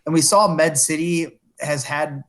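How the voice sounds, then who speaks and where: Halting man co-hosting a soccer podcast. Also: on the high side, fairly even intonation, a bit bright. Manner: halting, many restarts and fillers. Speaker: podcast co-host. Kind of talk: casual sports podcast chat.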